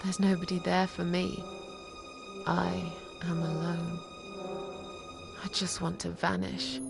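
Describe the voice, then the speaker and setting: Susan, creaky, bleak, depressed woman. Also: fairly low pitch, flat delivery, takes it slowly, music in the background, heavily acted. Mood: despairing. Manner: bleak, weary. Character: depressed, self-loathing, lonely woman. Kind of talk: video game voice acting.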